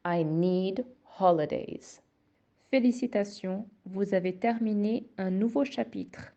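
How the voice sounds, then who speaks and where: A woman teaching a language lesson in a slow, carefully articulated voice. Her tone is mellow and relaxed, at a middle pitch. The recording sounds a bit dull and lo-fi. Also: creaky. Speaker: French teacher. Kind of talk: scripted language lesson narration.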